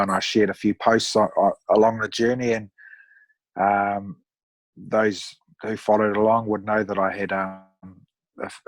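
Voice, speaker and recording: A man in his thirties with a broad New Zealand accent, chatting casually as a podcast guest in a laid-back, matey, rough-around-the-edges way. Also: fairly low pitch, no room sound, rough recording. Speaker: podcast guest, amateur endurance athlete. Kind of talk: casual conversational storytelling.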